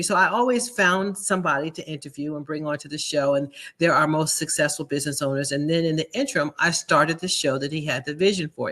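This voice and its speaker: A woman host talking up business lessons in a lively, motivational way, tagging her points with "right?". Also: low voice. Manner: upbeat, tags lines with "right?". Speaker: show host and business speaker.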